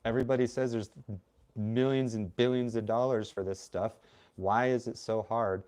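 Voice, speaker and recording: A man's voice: mid-range voice, steady tone, normal speed, a little mellow. A man co-hosting a casual livestream chat, blunt and outspoken, rambling as he talks, with the hiccups. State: has the hiccups. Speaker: co-host.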